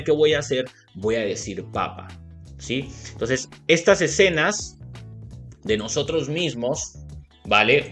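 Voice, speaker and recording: A man's voice: medium pitch, a bit bright. A man with a Latin American Spanish accent teaching a video lesson, explaining step by step and checking in often with the viewer. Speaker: English teacher.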